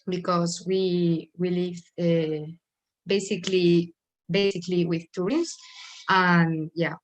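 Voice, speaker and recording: A woman's voice: lowish voice, low-quality recording. A woman from Spain, introducing herself plainly on a video call.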